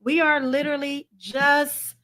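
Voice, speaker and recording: High-voiced, animated woman in her forties. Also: unhurried. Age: 40s. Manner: animated, laughs often, repeats phrases for emphasis. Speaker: livestream co-host. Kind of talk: casual chat. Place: at home.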